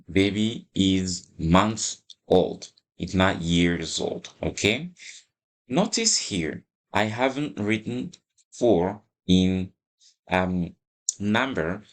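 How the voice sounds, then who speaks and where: This English teacher has a deep voice and gives an instructional lesson full of emphatic explanation, plenty of repetition, and frequent questions to check understanding.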